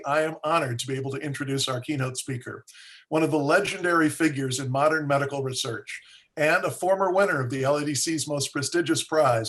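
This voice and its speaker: Fairly high-voiced guy hosting, reads out a formal intro. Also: fairly bright tone. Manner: formal, reads a list of titles. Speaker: host introducing speaker.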